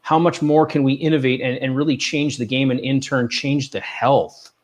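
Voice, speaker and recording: A man's voice: mid-range voice, steady tone, moderate pace. A male co-host of a live business talk show, talking casually and with animation, often repeating words. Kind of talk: casual panel chat.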